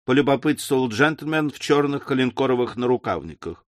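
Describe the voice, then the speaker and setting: A man narrating a comic classic novel as an audiobook, telling it with expressive energy. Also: medium pitch, a little fast, dry recording, studio quality. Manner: expressive, animated storytelling.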